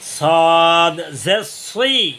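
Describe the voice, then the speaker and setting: A man teaching Quran reading, spelling letters slowly, then explaining in quick bursts, sometimes chanting verses melodically. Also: a little high, lively intonation, pushed and bright.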